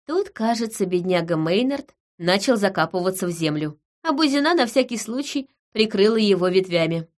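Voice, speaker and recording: A woman narrating a first-person audiobook, lively and given to sharp, loud outbursts in the heroine's lines. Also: moderate pace, hardly any pauses. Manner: lively, flaring up loud and high in angry dialogue.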